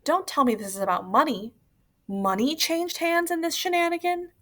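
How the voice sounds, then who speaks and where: A woman's voice: high-pitched, moderate pace, fairly bright tone, pitched above the performer's own voice. A woman reading the part of a stern, scolding male prison warden in an audiobook.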